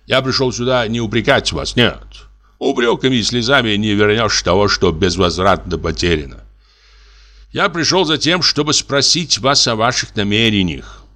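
A man's voice: on the low side, normal speed, pushed and bright, voice pushed up. A man voicing a wronged middle-aged husband, a notary who speaks in a formal, wounded, pompous way. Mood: stiff formal. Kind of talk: audiobook character reading.

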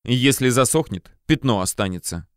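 A man reading an audiobook voices a spirited, caring young woman, speaking livelier and higher than his narration. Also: lively intonation, normal speed, dry recording, studio quality, natural voice. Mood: coaxing.

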